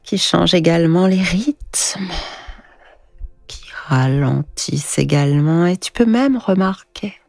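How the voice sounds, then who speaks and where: A woman guiding sleep hypnosis in a hushed, breathy, soothing voice, slow and whispered right in the listener's ear. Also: on the low side, expressive, clean studio sound. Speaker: hypnosis guide. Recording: echoing voice over music. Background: music.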